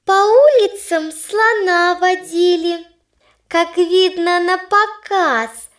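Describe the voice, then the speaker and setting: A woman voicing a plump schoolgirl who recites a fable in a thin, squeaky singsong to mock her teacher. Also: slow pace.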